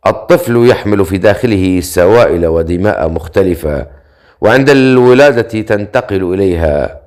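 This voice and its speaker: A man's voice: low-pitched, lively intonation, normal speed, darkish tone. A man voicing a cold, mocking male priest in an audiobook, speaking in a sneering manner.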